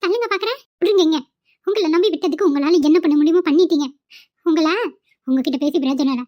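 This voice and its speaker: Woman playing a panicky young carer in a cartoon, really high voice, dry sound. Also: fast, warm tone, no room sound. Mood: frantic. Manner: urgent and pleading. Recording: dull, dry home recording.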